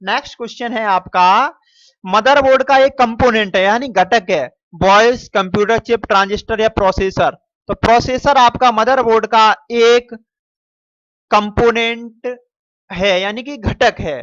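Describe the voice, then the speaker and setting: A man teaching as he walks through an exam paper question by question. He calls his students "dear children", drawls out the answers slowly and mixes English phrases into his talk. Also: sits high, fairly bright tone, no echo. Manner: repeats and stretches answers slowly. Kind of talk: exam paper walkthrough lesson. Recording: dull, dry lo-fi recording.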